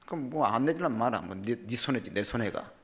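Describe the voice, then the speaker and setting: An older man, a missionary preacher, telling personal stories in an animated, humorous sermon that swings from loud to quiet. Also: mid-range voice, brisk.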